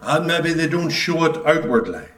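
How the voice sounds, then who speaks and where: A man's voice: fairly high pitch, big pitch swings, moderate pace, a bit bright. A man preaching a sermon in a meeting hall, earnest, with a repeating preaching cadence. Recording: echoey hall, distant mic.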